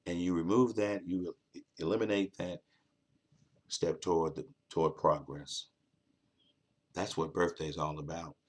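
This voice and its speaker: A man's voice: low-pitched, steady tone, unhurried, long pauses, husky. A man hosting a late-night talk show, delivering an earnest motivational monologue that repeats its key points for emphasis.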